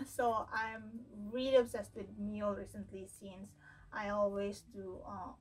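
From the Philippines, a fashion vlogger in her thirties unboxes a haul indoors at home, in a room with wooden drawers. Her mid-range voice comes through a distant mic with poor audio. Chatty and full of fillers as she thinks aloud, she speaks Filipino-accented English sprinkled with Tagalog.

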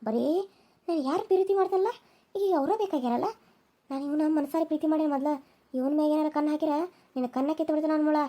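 A woman's voice: sits high, quick pace, natural voice. A woman voicing a jealous, taunting elder sister-in-law in a cartoon serial, with a North Karnataka Kannada accent. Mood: scheming. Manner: sharp, taunting.

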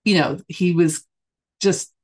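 A woman's voice: lowish voice, slow pace, darkish tone. A middle-aged woman from the United States, talking through an interview in a thoughtful way, full of fillers and self-corrections. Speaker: church member and news editor being interviewed. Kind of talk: casual conversational interview.

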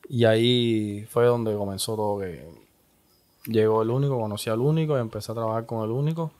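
A man from Cuba with a Cuban Spanish accent, a music producer speaking as a guest in a relaxed interview, often tagging "¿entiendes?". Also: on the low side. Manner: slow, laid-back, repeats "¿entiendes?". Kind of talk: casual interview.

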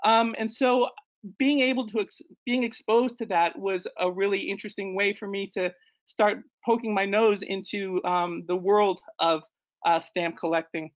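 A man's voice: high voice, fairly even intonation, normal speed, lo-fi sound. A man in his forties, born in Ecuador, giving an online slideshow talk as a guest presenter, hesitant, with many fillers and self-corrections. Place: indoor room. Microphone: video call.

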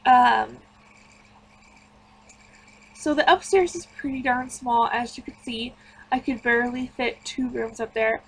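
A woman's voice: fairly high pitch, fairly even intonation, unhurried, gravelly, pauses often, rough recording. A woman giving casual, rambling voice-over commentary on a home-building game. She sounds tired and chatty, drifting from one thought to the next. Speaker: gaming YouTuber.

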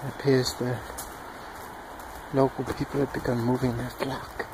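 Man, average pitch, hushed mock-serious nature-doc narration, outdoor handheld recording with birdsong and noise. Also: flat delivery, moderate pace. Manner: hushed, mock-solemn documentary delivery. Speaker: home video narrator. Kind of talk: mock wildlife documentary narration. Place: outdoors in a yard with chickens and dogs. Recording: outdoor noise with bird calls.

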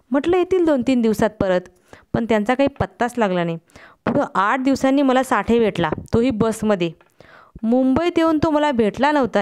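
A woman reads a short story aloud in a steady, expressive way, like a channel host sharing literature. Her voice is smooth and resonant and sits slightly high.

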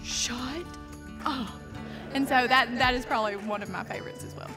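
High voice lady telling a funny story in a video, music under it. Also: fast. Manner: amused, laughing storyteller. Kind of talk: video interview. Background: music bed.

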